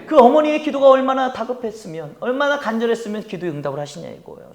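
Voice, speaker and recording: A man preaching a Sunday sermon as pastor, swinging from hushed tones to loud calls to the congregation and acting out pleading prayers. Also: high-pitched, gravelly. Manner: acts out pleading voices in quoted prayers. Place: church sanctuary. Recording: echoey church hall.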